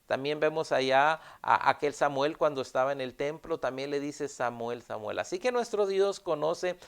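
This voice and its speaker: A male pastor preaches an earnest sermon, returning again and again to his key phrases and bridging gaps with a drawn "ah". His voice is smooth and resonant, pitched a little above the usual for a man. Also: moderate pace.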